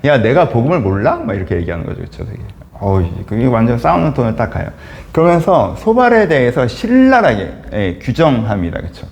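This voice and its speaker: A pastor from Korea teaching a Bible chapter in a conversational way, often asking listeners for agreement with tag questions. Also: male voice, medium pitch, a little fast, vocal fry. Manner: acts out quoted speech with lively shifts.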